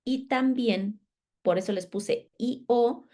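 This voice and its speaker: Woman, speech therapist, lecture, mellow voice, patient explanations, checks in with listeners. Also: a little high, takes it slowly. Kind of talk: online conference lecture.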